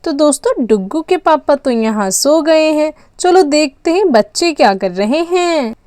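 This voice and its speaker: A woman's voice: high-pitched, animated, unhurried, darkish tone, no echo, studio quality. A woman narrating a doll story and voicing the mother, in a chatty, motherly, warning tone. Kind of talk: doll story role-play.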